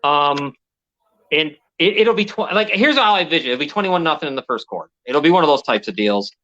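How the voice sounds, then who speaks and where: A man's voice: a little high, animated, fast talker, fairly bright tone, muffled recording. A man co-hosting a sports betting show, rambling through game picks in casual chat and swearing now and then. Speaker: sports betting podcast co-host.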